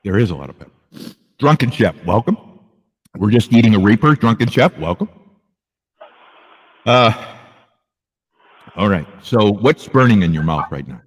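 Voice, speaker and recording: A man's voice: lowish voice, big pitch swings, normal speed, pauses often, breathy edge, in a large hall. A man hosting a casual live stream, rambling along and thanking viewers by name.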